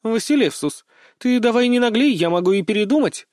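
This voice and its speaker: A man's voice: very high-pitched, expressive, a little fast, no echo, clean studio sound, voice pushed up. A man voicing a stern, curt woman ship captain in an audiobook. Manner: curt, sharp, strict. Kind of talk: audiobook character voice.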